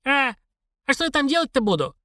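A man's voice: big pitch swings, fairly quick, pushed and bright, no room sound, full character voice. A man voicing a small, dry, spiteful old woman who shrieks and curses. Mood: bewildered. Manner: shrill, shrieking and cursing.

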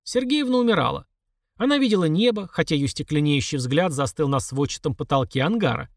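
A man narrating a darkly comic story in an expressive, mock-dramatic way. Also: on the high side, fairly quick, dry recording, clean studio sound.

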